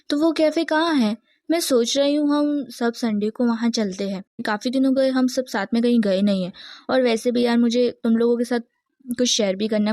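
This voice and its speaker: A woman's voice: on the high side, a little mellow, dry recording, clean studio sound, close to an everyday voice. A woman voicing a chatty, friendly teenage schoolgirl in a fan cartoon, talking in a casual, coaxing way.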